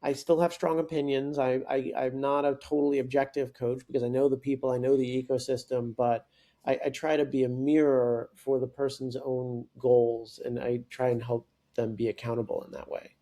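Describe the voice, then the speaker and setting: A man in his forties, a guest coach and author, telling stories in an animated way, often restarting his sentences. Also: mid-range voice, normal speed. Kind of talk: conversational podcast storytelling.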